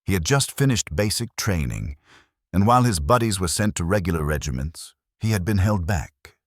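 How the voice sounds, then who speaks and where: A man narrating a dark fantasy audiobook in a steady, measured storytelling manner. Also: low voice, no room sound, studio quality.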